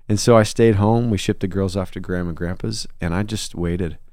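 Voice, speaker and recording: Man, low voice, dry close sound, earnest reflective storytelling, interview guest. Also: fairly even intonation, normal speed, darkish tone, no echo. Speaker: songwriter and musician. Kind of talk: conversational interview.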